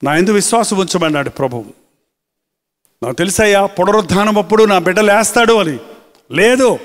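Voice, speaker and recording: A man preaching a sermon as pastor, drawing out words slowly for emphasis and quoting scripture. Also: sits high, a bit bright, in a large hall. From India. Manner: preaching with slow, drawn-out emphasis and quoted scripture.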